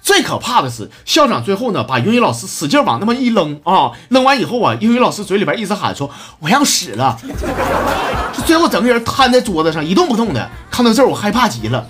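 Northeastern chinese guy reading jokes, voice jumps all over, a bit high, music going behind him. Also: very animated, fast talker, fairly bright tone. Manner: playful, laughs at his own jokes. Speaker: host reading listener jokes. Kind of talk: comedic joke reading.

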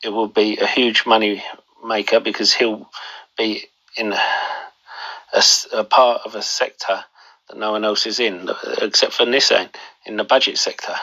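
A man talks through stock market opinions in a low voice with a forceful, sharp edge. He has a cold, and his sore throat makes him sound thick and swollen-tonsiled. The delivery is informal and halting, broken into short phrases. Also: rough recording. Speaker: host of a money show.

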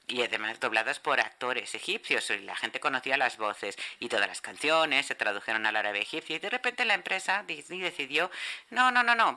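A woman interpreting a lecture, speaking haltingly with frequent restarts and self-corrections. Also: extremely low pitch, bright, forceful tone. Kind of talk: interpreted lecture on language and literature. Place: lecture hall.

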